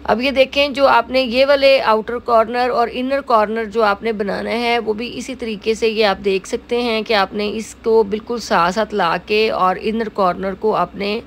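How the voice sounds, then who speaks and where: A woman's voice: a little high, fairly even intonation, unhurried, hardly any pauses, slight background noise. A middle-aged woman with a Pakistani Urdu accent, a makeup artist narrating a casual tutorial, talking in a chatty way with many filler phrases. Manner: chatty, repeats "jo hai woh" fillers. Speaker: makeup artist and salon owner.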